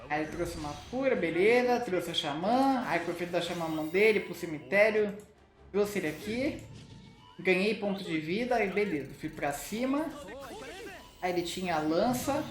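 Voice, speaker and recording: Casual Brazilian Portuguese gaming host, mid-pitched, informal card game commentary, roomy sound with faint music behind. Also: expressive, moderate pace. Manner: informal, with frequent tag questions.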